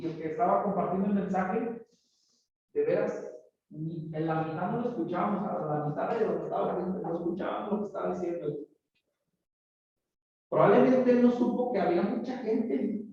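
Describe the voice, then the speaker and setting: A man's voice: high-pitched, warm tone. A man teaches a church oral communication class, calling his students brothers and often checking in with "¿verdad?". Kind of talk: classroom lesson with church preaching tone. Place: large echoey room. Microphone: camera far from the speaker. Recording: distant, very echoey, dull camera audio with faint noise.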